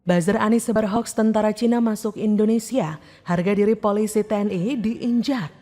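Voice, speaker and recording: A woman reading a scripted, opinionated news commentary in a steady voice over a music bed. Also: medium pitch, normal speed. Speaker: news narrator. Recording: faint music bed behind.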